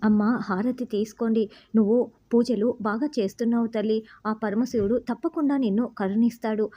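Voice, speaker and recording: A kindly temple priest giving reassurance and blessings, as a woman storyteller voices him. The tone is soft and fairly high, on a dull, lo-fi recording. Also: steady tone, a little fast, slight background noise, natural voice.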